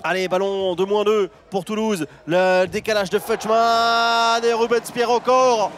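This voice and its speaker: A man's voice: high voice, steady tone, a little slow, slight background noise. A man giving live handball commentary in an exclamatory, emphatic way. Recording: loud music bed under broadcast commentary.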